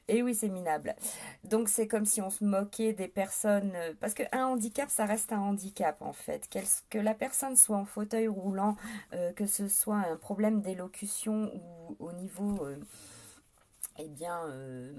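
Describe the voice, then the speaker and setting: A woman's voice: medium pitch, dark tone. A French-speaking woman hosting a live stream, talking casually to her viewers with many hesitations and fillers. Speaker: livestream host.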